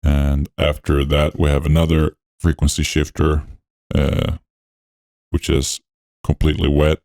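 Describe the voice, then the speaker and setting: A man talking through a voice changer that deepens his voice. He hosts a music production tutorial, narrating each step in a laid-back, technical way with frequent fillers. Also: completely flat delivery, measured pace, darkish tone. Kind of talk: walkthrough narration over a screen recording.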